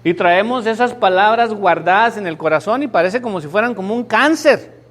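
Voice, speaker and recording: A man's voice: sits high, lively intonation, normal speed, a bit bright. A middle-aged man, a pastor preaching a sermon to his congregation with emphatic, dramatic storytelling. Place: church sanctuary before a congregation.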